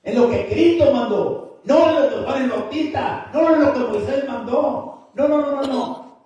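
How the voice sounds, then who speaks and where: A man's voice: very high-pitched, unhurried, mellow, dull audio. A man preaching a sermon to his church, emphatic, who keeps calling his listeners brother. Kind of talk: Spanish-language church sermon. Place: church hall. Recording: very echoey hall, mic far off.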